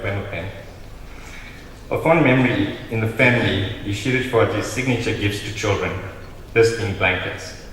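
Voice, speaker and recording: Eulogy speaker: South African male, lowish voice, solemn and measured, reading in a highly reverberant, faintly noisy hall. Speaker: family member giving a eulogy. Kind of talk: prepared funeral eulogy read aloud. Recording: very echoey hall, distant mic, noisy.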